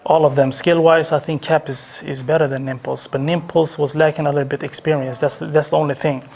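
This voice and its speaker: A man's voice: fairly high pitch, level tone, gravelly, darkish tone, a little hiss or hum. A man speaking as a team captain in a post-match interview, talking hesitantly with many fillers and restarts. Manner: hesitant, halting, heavy on fillers.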